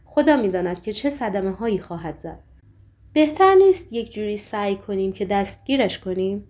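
A woman voicing an agitated young man held in a clinic, protesting and excited. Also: a little high, close to an everyday voice.

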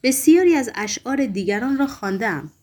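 A woman reading aloud as a nervous, gentle middle-aged male hospital patient who talks in a fussy, reproachful, hushed way, in an audiobook. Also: a little high, lively intonation. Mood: fretful.

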